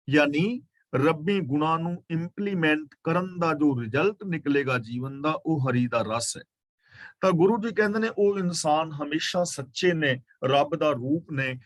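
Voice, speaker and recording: Male preacher with a Punjabi accent, fairly high voice, slowly chanted verses then plain explanation, dry close recording. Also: a bit bright, dry recording. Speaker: katha preacher. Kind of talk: scriptural exposition.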